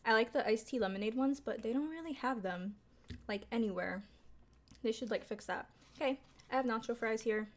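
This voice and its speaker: Higher-voiced young woman, casual mukbang vlogger. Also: brisk. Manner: informal, filler-heavy, mild swearing. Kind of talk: casual mukbang chat to viewers while eating.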